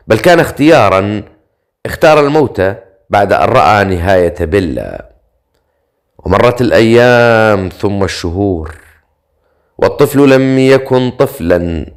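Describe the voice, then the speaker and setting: A man narrating a dark fantasy novel in a measured, dramatic reading style with drawn-out pauses. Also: lowish voice.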